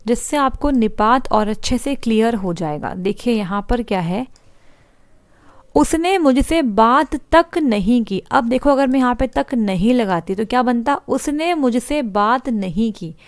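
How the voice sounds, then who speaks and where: A woman's voice: a little high, lively intonation, moderate pace, few pauses, no room sound. A woman teaching a Hindi grammar lesson for exam prep, explaining step by step and asking rhetorical questions. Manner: explanatory, repeats points and asks rhetorical questions.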